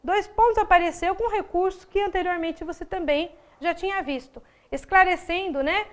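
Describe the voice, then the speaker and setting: High-voiced Brazilian woman teaching grammar. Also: moderate pace. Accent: Brazilian Portuguese. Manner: explanatory, frequent tag questions. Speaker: Portuguese teacher. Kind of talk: recorded video lesson.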